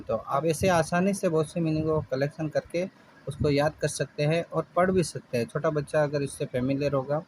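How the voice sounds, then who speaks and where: A man teaching English pronunciation. He spells each word letter by letter, slows down as he spells, then gives the word's meaning. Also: a little high, a little mellow, slight background noise, rough recording. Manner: slows down when spelling out words. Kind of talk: spoken English phonics lesson.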